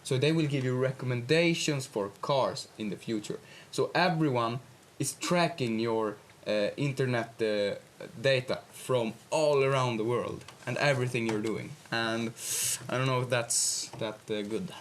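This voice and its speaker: A man's voice: medium pitch, a little slow. A young man from Sweden, a panel guest explaining his view with frequent fillers. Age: teens or young adult. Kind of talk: casual panel discussion.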